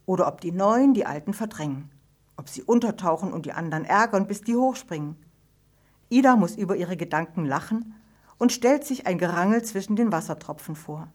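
A woman reads a children's storybook aloud in a calm, measured voice. Her delivery is even and scripted, pausing gently between sentences. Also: mid-range voice. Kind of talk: scripted audiobook narration.

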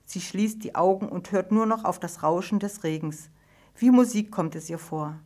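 Calm woman reading a storybook. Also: fairly low pitch, normal speed. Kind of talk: scripted audiobook narration.

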